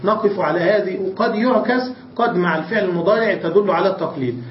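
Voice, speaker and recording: A man's voice: high voice, fast talker, slight background noise. A man, a religious scholar, giving a classroom grammar lecture, asking questions and answering them himself. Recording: distant, roomy, dull lecture recording.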